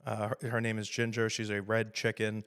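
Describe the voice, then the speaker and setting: A man hosting a podcast, chatting casually about a film in a rambling, profane, animated way and laughing often. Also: lowish voice, fairly quick, clean tone. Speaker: podcast host.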